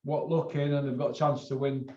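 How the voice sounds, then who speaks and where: A man with a Northern English accent and a mellow, mid-range voice hosts a boxing video channel, chatting casually at a fairly quick pace in a level tone. His talk is rambling, colloquial and sweary, circling back and repeating itself, recorded with roomy, dull lo-fi sound.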